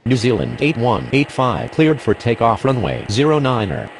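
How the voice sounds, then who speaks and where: A man's voice: mid-range voice, very animated, normal speed, vocal fry. A man giving clipped airline pilot radio calls in formal air traffic phraseology. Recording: faintly noisy, vehicle-like background.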